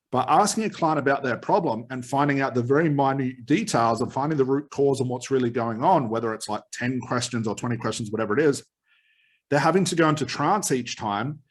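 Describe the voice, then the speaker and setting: A man with a slightly husky voice giving an informal, explanatory lesson as a therapy trainer, rephrasing his key points as he goes. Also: medium pitch. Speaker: hypnotherapist trainer.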